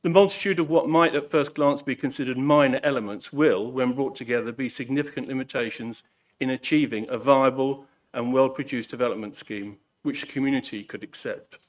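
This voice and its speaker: A man reads a prepared statement to a council meeting. His pitch is average for a man, and his phrasing is measured, earnest and rhetorical. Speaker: parish council representative. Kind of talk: formal prepared speech, read out.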